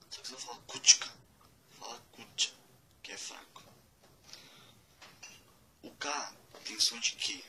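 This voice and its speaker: A man giving a casual spoken lesson, spelling out letters one by one and repeating words slowly. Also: lowish voice, noisy background. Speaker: language teacher.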